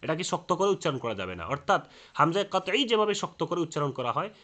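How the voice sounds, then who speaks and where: A man's voice: on the high side, lively intonation, racing, fairly bright tone. A man teaching a lesson on Quran recitation rules, explaining step by step with frequent "ah" fillers and restarts.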